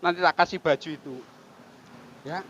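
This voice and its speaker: A man talks calmly and coaxingly to someone on a roadside, repeating soothing phrases. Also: on the high side, normal speed, lo-fi sound. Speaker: volunteer caring for a homeless man. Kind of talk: filmed street outreach, talking to a man on camera. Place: roadside outdoors near a market. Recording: outdoor traffic and insect noise.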